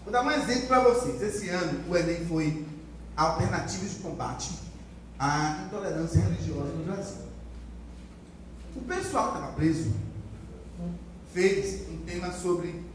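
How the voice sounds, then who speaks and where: A man's voice: a little high, lively intonation, measured pace, long pauses, a little hiss or hum. A Brazilian man teaching a writing class, drilling the students with repetition and call-and-response. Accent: Brazilian Portuguese. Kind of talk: classroom lecture. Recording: echoey classroom from far off.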